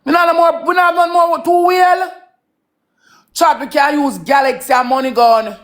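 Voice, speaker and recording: A woman's voice: high voice, steady tone, normal speed. A Jamaican woman in her thirties hosting a live stream, coaxing her chat with repeated call-outs in patois. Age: 30s.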